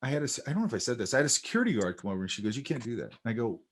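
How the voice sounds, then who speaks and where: A man talks through a sketching lesson in a loose, conversational way. His pitch rises and falls a lot as he gets excited about the drawings. He often drifts off into stories along the way. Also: very fast, a little hiss or hum. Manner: animated, storytelling, talks over drawings. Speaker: art instructor. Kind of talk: casual teaching chat.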